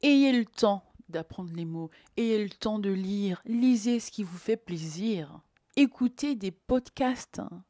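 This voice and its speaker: A woman's voice: medium pitch, no echo, clean studio sound. Playful woman giving job advice. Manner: emphatic, playful, lively teaching tone. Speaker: vlogger and recruitment coach. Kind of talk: advice vlog.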